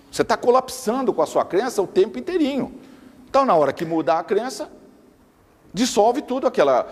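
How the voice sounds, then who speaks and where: Male lecturer, lively pitch, insistent and repetitive delivery, reverberant hall. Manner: emphatic, repeats words for stress.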